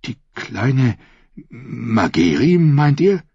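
A man's voice: medium pitch, sing-song, very slow, a little mellow, breathy edge, dry recording, voice pushed up, exaggerated voice. Blunt, brash knight, read by a man. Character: bold, coarse young knight. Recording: dull, dry recording.

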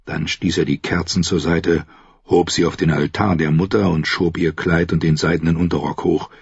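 Deep husky male audiobook narrator. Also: no room sound. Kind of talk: audiobook reading. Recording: dry, dull close recording.

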